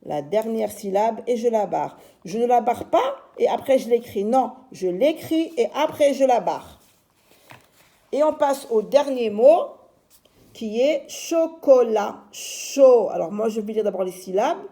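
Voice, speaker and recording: Slow patient woman teaching children. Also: a little high, expressive, dark tone. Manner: slow, patient, spells out syllables. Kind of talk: reading lesson for young children.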